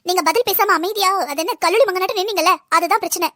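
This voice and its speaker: Woman voicing a young working wife, cartoon; very high, quick, reproachful. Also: sharp tone, no echo, clean studio sound. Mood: hurt. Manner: pointed, reproachful. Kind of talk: cartoon voice acting.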